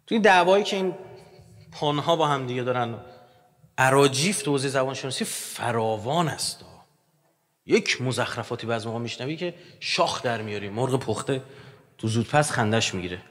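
Lively male lecturer in a reverberant hall. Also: medium pitch. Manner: animated, joking, swings between loud and quiet. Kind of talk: religious lecture.

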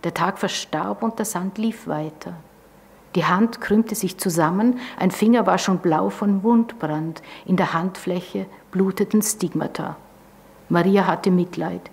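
A woman with an Austrian German accent giving a calm, measured reading of a literary prose text. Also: fairly low pitch, gravelly, breathy edge. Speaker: author reading.

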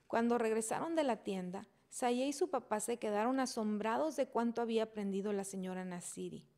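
A woman reading a children's chapter book aloud in a gentle, steady storytelling manner. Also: a little high, brisk. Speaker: reader.

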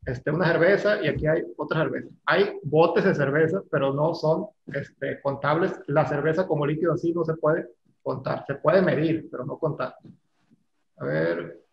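Male teacher, fairly high gravelly voice, casual and teasing, echoey lo-fi room recording. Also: normal speed. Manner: casual, teasing, explains step by step. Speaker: English teacher. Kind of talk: online class lecture. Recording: echoey room, dull lo-fi sound, faint noise.

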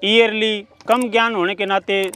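A man's voice: high-pitched, level tone, normal speed, fairly bright tone, slight background noise. A middle-aged man, a poultry farmer explaining his work earnestly, step by step, in an outdoor interview. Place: outdoor farm among chickens. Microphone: handheld mic at mid distance. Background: chickens clucking and crowing.

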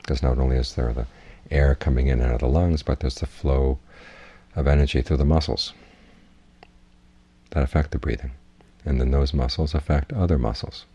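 The speaker is a man acting as a Buddhist teacher, his husky voice pitched extremely low as he delivers measured, plainspoken meditation guidance. Intonation is fairly even, and the overall sound is mellow.

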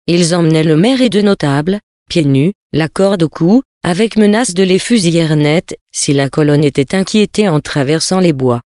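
Measured, grave audiobook narrator, dry close studio sound. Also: medium pitch, darkish tone, no echo. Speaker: audiobook reader. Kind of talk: scripted narration of a novel.

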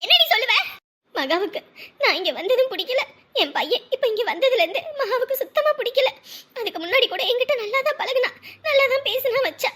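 A woman's voice: extremely high pitch, animated, brisk, sharp tone, full character voice. A woman voicing a scheming, scolding middle-aged stepmother in a cartoon, nagging as she talks. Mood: falsely hurt. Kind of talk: Tamil cartoon voice acting.

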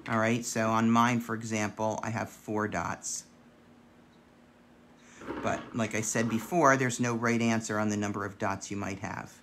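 A man with a gravelly voice, chatting and counting aloud as he demonstrates a painting craft. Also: fairly low pitch, steady tone, unhurried, a bit bright, slight background noise. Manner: chatty, counts dots aloud while working. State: gravelly voice today. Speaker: craft instructor.

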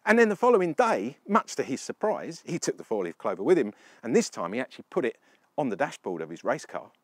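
A man's voice: mid-range voice, big pitch swings, fast talker, husky, dry recording, clean studio sound. A man presenting a casual car review walkaround outdoors beside a car, chatty and storytelling, often asking the viewer questions.

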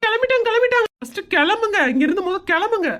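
A woman's voice: extremely high pitch, animated, very fast, fairly bright tone. A woman voicing a fussy, anxious young woman neighbour in a cartoon comedy.

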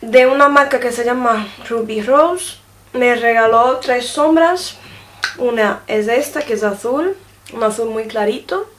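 A woman chats through a makeup haul, her voice sitting a little on the high side. She shows each item to the camera as she goes and checks in often with her viewers. Faint clicks sound now and then behind her. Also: fairly bright tone, a little hiss or hum. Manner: chatty, often checks in with a quick question tag; shows items to the camera while talking. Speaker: beauty vlogger. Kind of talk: casual product review.

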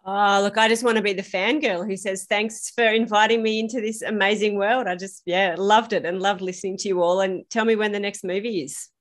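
A woman's voice: mid-range voice, fairly even intonation, brisk, few pauses. A woman, a guest in a casual conversation, sounding gushing and enthusiastic.

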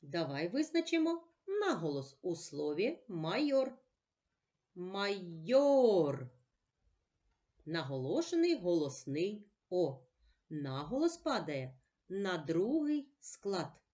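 Slow, lively-voiced woman teacher. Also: lowish voice. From Ukraine. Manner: patient, questioning and answering herself. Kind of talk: slow, clearly paced reading lesson for children.

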